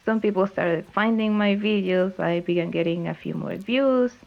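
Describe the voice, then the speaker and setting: A woman's voice: medium pitch, normal speed, vocal fry. A woman from Venezuela, a guest on a casual podcast, speaking cheerfully and easily with laughs between sentences. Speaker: podcast guest, video editor. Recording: muffled lo-fi mic with faint music.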